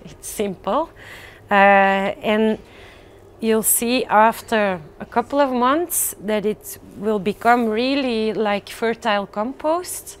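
A woman leads a relaxed tour of a rooftop farm, her medium-pitched voice picked up by a lapel mic with a little hiss or hum. She hesitates a lot, filling gaps with "uh" and restarting sentences.

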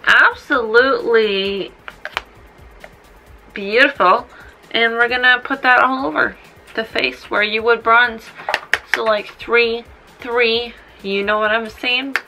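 A woman's voice: a little high, fairly even intonation, moderate pace, creaky, bright, forceful tone, soft background music, rough recording. A woman in her twenties chatting through a casual makeup tutorial in a tipsy, rambling, blunt and sweary way. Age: 20s. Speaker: makeup vlogger. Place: small room indoors.

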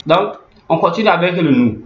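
A man's voice: fairly high pitch, expressive, moderate pace. A man explaining a language lesson over on-screen notes, repeating phrases with many fillers and muttered asides. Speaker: language teacher. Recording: echoey room, dull lo-fi sound.

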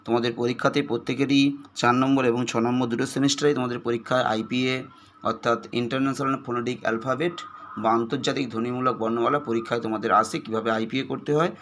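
A man's voice: mid-range voice, level tone, quick pace, fairly bright tone, a little hiss or hum. A man teaching an exam-prep lesson, patiently breaking words into single sounds, with a West Bengal Bengali accent.

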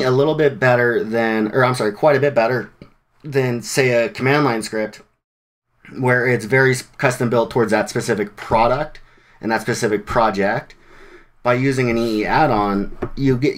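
A man presenting at a developer meetup in a relaxed, conversational way. His voice sits at an ordinary pitch for a man. He talks informally, with plenty of slang, fillers and quick restarts. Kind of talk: casual presentation.

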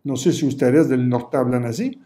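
A man's voice: medium pitch, normal speed, dark tone. A man teaching an online sales course, repeating himself and acting out customer chats in little voices. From Canada. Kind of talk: energetic sales lesson.

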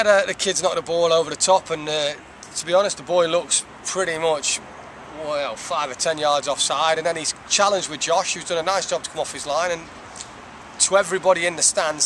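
A man in his thirties, a soccer head coach, giving a measured, reflective postgame interview outdoors, with lots of "you know". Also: fairly high pitch, fairly bright tone. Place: outdoors by a stone wall. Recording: outdoor traffic noise.

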